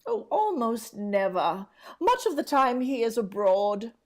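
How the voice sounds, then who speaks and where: Fairly high-pitched and darkish in tone, this woman's voice is very animated and a touch slow. She's performing a fussing, exclamatory, kindly and talkative elderly housekeeper, genteel and slightly deaf, for a vintage-style radio drama.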